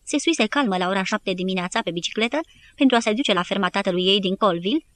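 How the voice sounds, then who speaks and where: A woman narrating a war history audiobook in an even, measured reading. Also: medium pitch, no echo. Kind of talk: scripted narration.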